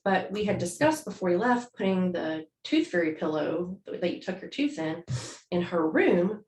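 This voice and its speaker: A woman's voice: fairly low pitch, sing-song, normal speed, darkish tone. A woman co-hosting a podcast in casual, chatty talk. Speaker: podcast co-host. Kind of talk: casual chat. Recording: roomy echoey room.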